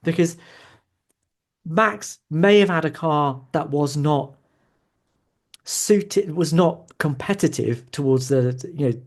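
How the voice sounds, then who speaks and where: Insistent male host laying out arguments. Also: on the high side. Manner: analytical, insistent, checks agreement with "right?". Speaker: show host. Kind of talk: heated sports debate.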